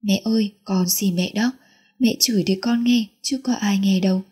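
A woman voicing a tired, sulky schoolgirl pleading with her mother in an audiobook, with a husky tone. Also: mid-range voice, steady tone, normal speed, mellow. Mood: weary. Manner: weary, pleading. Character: sulky teenage girl, plump and tired of teasing.

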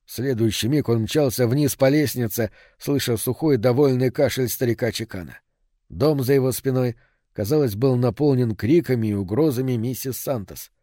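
A man narrating an audiobook in a steady, even reading voice. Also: medium pitch, moderate pace, dry recording, clean studio sound. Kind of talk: scripted narration.

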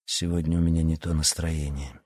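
A man voicing a sullen, brooding teenage boy in an audiobook, speaking low, quiet and curt. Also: flat delivery, fairly quick, no echo, clean studio sound. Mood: cold. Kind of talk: audiobook character voice.

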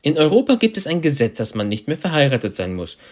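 Lively man interpreting a sermon. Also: on the high side, fast. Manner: renders each phrase right after the preacher.

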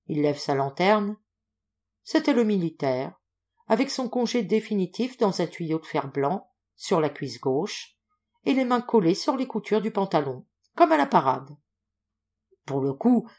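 A woman voicing a chatty, gossipy male junk dealer in an audiobook, telling his tale loudly and with lots of exclamations. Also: lowish voice. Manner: loud, exclaiming, animated storytelling. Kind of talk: audiobook character voice.

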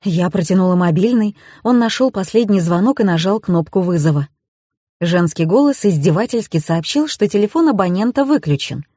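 A woman narrating a first-person audiobook in a lively, ironic storytelling manner. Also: fairly low pitch, normal speed, no echo, clean studio sound.

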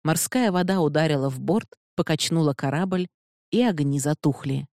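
An audiobook narrator reading a fantasy novel in a measured, steady way, close to the mic. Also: mid-range voice, no room sound.

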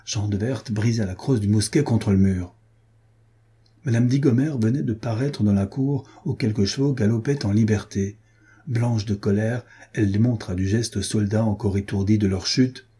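A man reading a historical adventure novel aloud in a steady, measured narration. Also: on the low side, slightly rough. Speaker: audiobook reader. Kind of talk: scripted narration.

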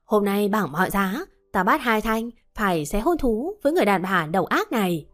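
A woman's voice: mid-range voice, animated, moderate pace, natural voice. A woman voicing a stern, commanding older matriarch of a wealthy household.

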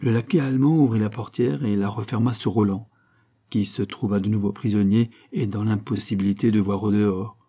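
Low, husky French male narrator. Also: steady tone, dark tone. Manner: measured, storytelling. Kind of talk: audiobook narration.

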